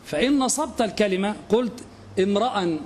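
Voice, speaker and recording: High-voiced male grammar teacher lecturing. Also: expressive, normal speed, darkish tone, a little hiss or hum. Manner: reads the text aloud, then explains it and asks the listener rhetorical questions; clears his throat often. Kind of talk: classroom lecture on Arabic grammar.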